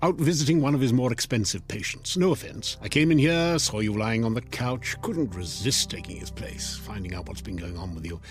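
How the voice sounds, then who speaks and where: A man's voice: medium pitch, a little fast, hardly any pauses, faint music behind, natural voice. An actor playing the devil as a glib, taunting salesman in a radio drama, breezy, smug and theatrical.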